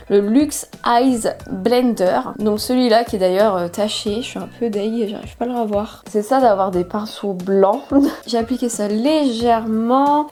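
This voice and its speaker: Chatty young woman, slightly high voice. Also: a little mellow. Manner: chatty, enthusiastic about colors. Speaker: beauty vlogger. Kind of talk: casual makeup tutorial chat.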